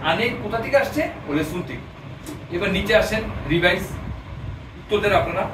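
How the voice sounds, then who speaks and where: A man's voice: high voice, animated, normal speed. A man teaching a language class, explaining patiently and often asking his students questions. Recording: echoey room, distant mic, noisy.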